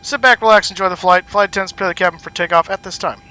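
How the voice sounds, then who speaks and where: A streamer playing an airline captain giving a relaxed cockpit announcement over his headset mic, with an easy "uh" between phrases. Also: high voice, very fast. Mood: calm, breezy. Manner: relaxed, with filler "uh"s and a dry joke. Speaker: flight sim streamer.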